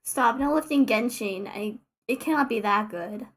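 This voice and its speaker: A woman's voice: fairly high pitch, normal speed, fairly bright tone. A woman streaming a game live, chatting casually in a rambling, self-mocking, joking way. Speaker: VTuber streamer. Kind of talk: casual live gaming chat.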